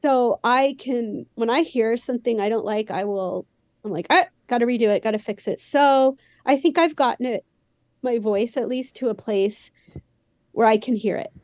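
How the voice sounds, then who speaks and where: A woman's voice: fairly high pitch, unhurried, a little mellow, dry recording, muffled recording. A woman with a Southern California Valley Girl accent, a youthful teenage-sounding voice and a slight lisp, chatting casually and ramblingly as an interview guest. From San Fernando Valley, California. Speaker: musician, podcast guest.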